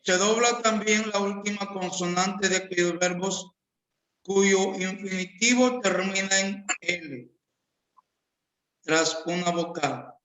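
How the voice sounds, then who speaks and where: A man with as his teaches a grammar lesson, drawing out each word and repeating examples. His voice sits high and sounds bright. He speaks very slowly in a roomy, echoing space. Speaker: English teacher. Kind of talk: slow classroom grammar lesson.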